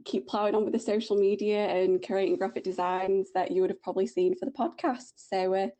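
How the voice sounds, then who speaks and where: Yorkshire woman, 20s, podcast co-host; mellow, warm tone, upbeat and chatty. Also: medium pitch, fairly even intonation, a little fast. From Yorkshire, England. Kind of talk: casual chat.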